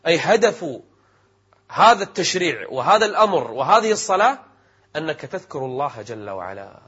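A man with a fairly high, husky voice delivers a religious sermon in formal standard Arabic. His delivery is emphatic and rhetorical, with classical diction. The recording sounds dull and a little muffled. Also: very animated, a little fast, a bit bright. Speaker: Islamic preacher presenting a religious programme.

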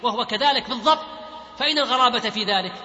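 A man's voice: extremely high pitch, rapid-fire, sharp tone, full character voice. A man reading the lines of a defiant, scornful young woman, in an echoey hall on a dull lo-fi recording. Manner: read out plainly in the narrator's voice.

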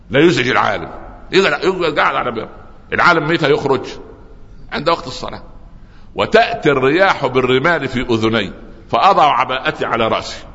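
A man preaching a sermon, telling stories lively and joking with the audience. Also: medium pitch. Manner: lively storytelling with humor and audience asides. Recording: dull lo-fi recording with long hall reverb.

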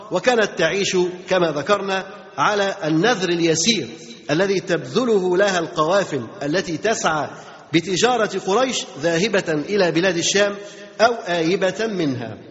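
An Egyptian-accented man teaches religion at a quick clip in a fairly high voice. He keeps asking his listeners questions and repeating phrases for emphasis. The recording is dull and lo-fi, with a long hall reverb. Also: fairly bright tone. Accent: Egyptian Arabic. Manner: asks the audience rhetorical questions and repeats key phrases. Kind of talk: Islamic religious lesson.

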